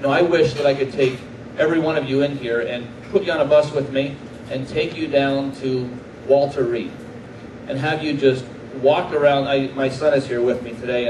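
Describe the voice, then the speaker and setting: A middle-aged man, a military chaplain, giving an earnest inspirational speech to a live audience and slowing down to stress his key points. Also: mid-range voice. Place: large room before an audience. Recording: echoey room, distant mic, faint background noise.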